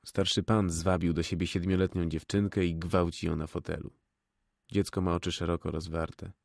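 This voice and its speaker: A man giving a theatrical poetry recitation in a close studio recording, swinging between loud cries and hushed murmurs. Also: sits low, flat delivery, moderate pace, vocal fry, dry recording. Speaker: poetry reader.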